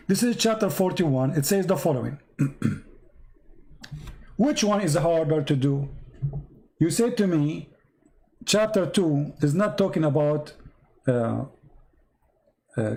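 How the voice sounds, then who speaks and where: A man's voice: fairly high pitch, vocal fry, a little mellow. A man, not an English speaker and losing his voice, hosts a live debate, reading out verses and pressing a caller with repeated questions. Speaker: debate host.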